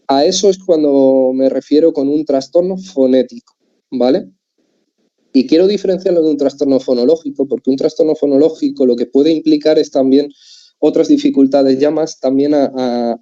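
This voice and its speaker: A man's voice: mid-range voice, warm tone. A man from Spain, working as a speech therapist, explains things to parents in a talk and keeps checking in with his listeners. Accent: Spain Spanish. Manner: explanatory, often checks in with a tag question. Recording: dull muffled lo-fi audio.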